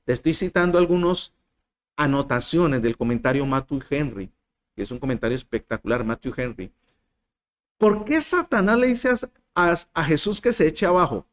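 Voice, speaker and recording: Guy preaching a sermon, kinda high voice, gets loud then goes real soft, keeps asking the crowd stuff. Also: moderate pace. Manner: expressive, swings between loud emphasis and soft low lines; addresses listeners directly, asks rhetorical questions.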